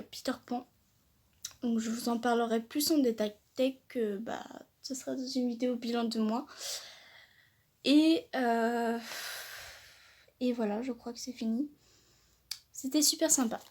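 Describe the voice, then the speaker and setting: A woman's voice: on the high side, a little mellow, breathy edge. A woman vlogging casually about her books, rambling and hesitant with many fillers, talking with effort through a sore throat.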